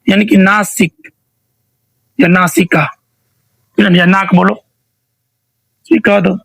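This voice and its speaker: High-voiced man quizzing an online class. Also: level tone, takes it slowly, gravelly, a bit bright, no room sound, rough recording. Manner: asks questions repeatedly, prompts students to answer. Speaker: teacher. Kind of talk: online class quiz revision.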